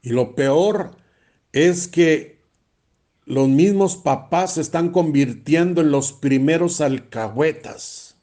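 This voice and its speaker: A man's voice: on the high side, slow pace, mellow. A man, a priest preaching a blunt, emphatic sermon and repeating phrases for stress.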